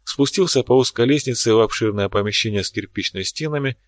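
A man reads a novel aloud in an even, measured voice of middle pitch. The recording is close and dry, with no room sound. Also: no echo. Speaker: audiobook narrator. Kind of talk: scripted narration.

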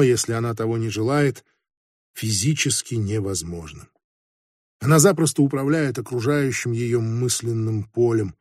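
Male audiobook narrator, measured delivery, dark tone, dry close sound. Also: mid-range voice, no echo.

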